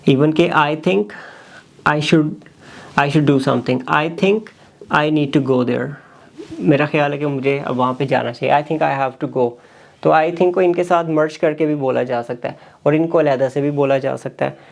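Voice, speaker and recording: A man teaching a spoken language lesson, slowly and deliberately drilling and repeating example sentences. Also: on the high side, creaky. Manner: switches between explaining and drilling examples. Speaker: English teacher.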